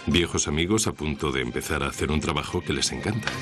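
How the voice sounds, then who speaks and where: A man's voice: a bass voice, lively intonation, quick pace. A man delivering scripted, dramatic narration as a documentary narrator. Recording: prominent music behind narration.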